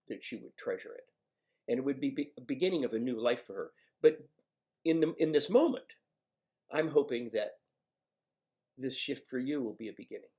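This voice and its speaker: Gravelly guy counselor, soft coaxing talk, pokes fun at himself, mid pitch. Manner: gentle, coaxing, self-mocking. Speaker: addiction counselor. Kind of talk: coaching a patient one-on-one.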